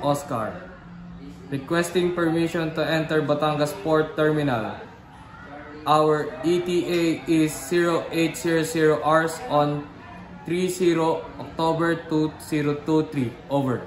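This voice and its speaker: A man's voice: on the high side, fairly even intonation, measured pace, faint music behind. A man speaking as a ship radio operator in formal marine radio procedure, spelling out call signs and digits word by word. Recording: echoey room with background noise.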